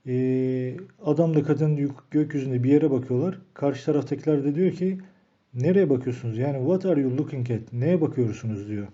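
A man teaching an English grammar lesson, slowing down to read each example sentence aloud. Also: mid-range voice, dark tone. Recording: dull lo-fi recording.

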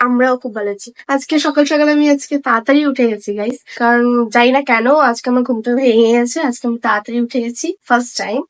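A young woman with a Bengali accent and a high voice, chatting casually into her phone camera for a vlog. She talks playfully, straight to her viewers. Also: no echo. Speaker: vlogger.

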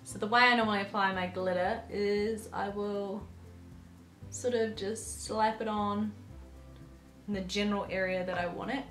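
Chatty young woman with a slightly croaky voice. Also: mid-range voice, fairly even intonation, normal speed, fairly bright tone. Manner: chatty, rambling, lots of filler likes. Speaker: beauty vlogger. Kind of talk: casual chatty makeup tutorial. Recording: roomy echo with faint music.

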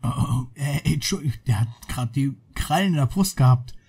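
Ein Mann kommentiert als Let's Player locker und beiläufig sein Spiel, mit stockenden Einwürfen. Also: male voice, medium pitch, lively intonation, a little mellow, breathy edge. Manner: offhand, halting asides. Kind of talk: casual gameplay commentary.

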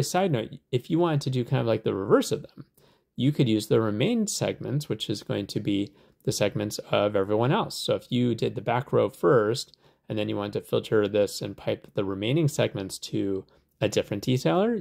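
A man hosting a software tutorial, explaining steps in a relaxed, conversational way with lots of fillers. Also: on the low side, creaky. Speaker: tutorial host.

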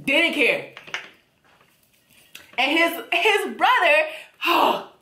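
A woman telling a story casually, animated and laughing as she goes, swearing freely. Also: very high-pitched, extremely slow, echoey room, slight background noise. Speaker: storytelling vlogger.

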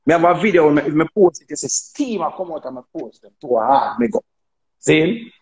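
A man with a Jamaican accent chatting on a phone livestream, telling animated stories, laughing and acting out dialogue. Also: fairly high pitch, a little fast, lo-fi sound. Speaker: dancehall artist on a live stream. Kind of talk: casual chat on a livestream.

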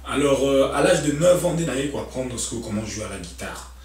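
A young Congolese musician, guesting on a casual interview, talks animatedly with many hesitations in French mixed with Lingala while seated on a sofa in a living-room set. His medium-pitched voice is brisk and darkish with lively intonation, and the room is echoey with a distant mic.

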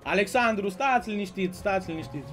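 A man's voice: high-pitched, animated, a bit bright, faint music behind. A man from Romania hosting a casual live stream, greeting viewers by name and bantering with the chat. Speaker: slots streamer.

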